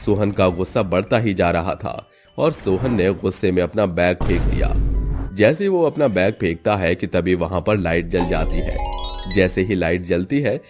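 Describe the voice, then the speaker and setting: Low-voiced male storyteller. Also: darkish tone. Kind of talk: scripted story narration.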